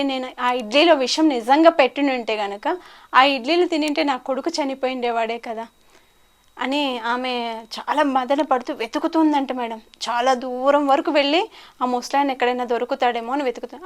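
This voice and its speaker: A woman's voice: high-pitched, moderate pace. A woman life coach in an interview, telling stories and acting out the quoted lines. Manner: animated storyteller, acts out quoted lines. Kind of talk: storytelling in an interview.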